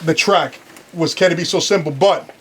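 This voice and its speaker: In a recording studio control room, a middle-aged streetwear brand founder chats casually about his clothing line. His voice is a little high and slightly rough, at normal speed, and he keeps restarting and saying "you know."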